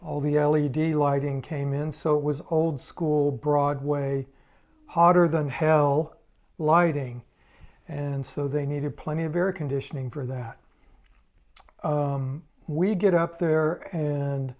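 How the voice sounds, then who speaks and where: A man's voice: a little high, steady tone, unhurried, a little mellow, lo-fi sound. A man casually recounting a touring story, rambling and acting out the exchanges he quotes. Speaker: musician telling tour stories.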